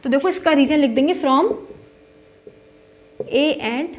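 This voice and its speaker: High-voiced woman teaching a maths lesson. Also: slow. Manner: repeats "theek hai" to check in, asks and answers her own questions.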